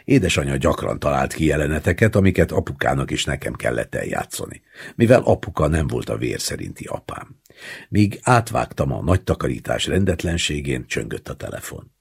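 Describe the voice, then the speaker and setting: A man narrating a literary short story in the first person, in a measured audiobook reading. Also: a bass voice, very animated, vocal fry, breathy edge.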